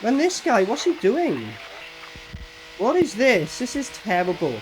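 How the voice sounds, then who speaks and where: A man rips into a film as he watches it, sarcastic, incredulous and sweary. His pitch leaps all over the place as he mocks what he sees. Faint music plays underneath. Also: sing-song, measured pace. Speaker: horror film reviewer reacting while watching. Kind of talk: casual mocking film commentary.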